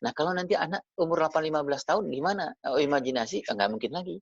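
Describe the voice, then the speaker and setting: A man with a gravelly, husky voice gives a religious parenting talk in a chatty way, checking in with his listeners as he goes. The sound is dry, dull and lo-fi, like a video call. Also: on the high side, animated, very fast, no echo. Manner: chatty, addresses listeners directly with tag questions. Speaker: parenting speaker.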